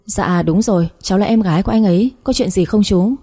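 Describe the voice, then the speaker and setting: Một phụ nữ đọc truyện thể hiện cô con gái trẻ hoảng sợ, nói trong nước mắt, giọng hơi khàn và trầm. Lời thoại nhanh, run rẩy trong truyện audio. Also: female voice, mid-range voice, fast, dark tone, husky. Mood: alarmed. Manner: tearful, pleading. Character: frightened teenage daughter.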